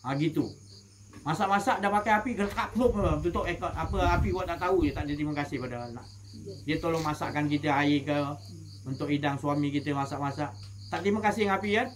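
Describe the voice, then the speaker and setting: A man's voice: fairly high pitch, quick pace, a little hiss or hum. A man with a Malaysian Malay accent giving an informal religious talk to a gathering, colloquial and asking the listeners questions. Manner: colloquial, asks the audience questions. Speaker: religious teacher.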